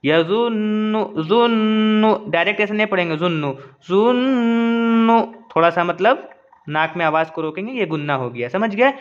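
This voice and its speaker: Guy with a high voice going through quran reading drills step by step, kinda muffled audio. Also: lively intonation, fast talker, a bit bright. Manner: patient, repeats drills syllable by syllable; asks "understood?" often. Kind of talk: slow step-by-step recitation lesson.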